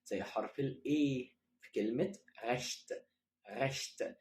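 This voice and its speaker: Egyptian male teacher, mid pitch, coaching pronunciation with patient word-by-word repetition. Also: darkish tone. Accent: Egyptian Arabic. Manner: drills words slowly, repeating each one for the viewer. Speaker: German teacher. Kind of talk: pronunciation lesson.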